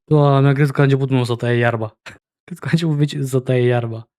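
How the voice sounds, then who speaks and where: Sarcastic mellow-voiced man in his forties. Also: medium pitch, fairly even intonation, faint music behind. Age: 40s. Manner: sarcastic, mocking. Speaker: streamer reacting to videos. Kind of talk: casual reaction commentary.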